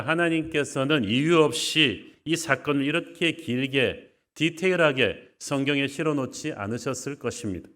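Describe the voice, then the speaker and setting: A man's voice: fairly high pitch, fairly bright tone. A male pastor preaching an earnest, conversational sermon with rhetorical questions to his congregation. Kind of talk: expository sermon.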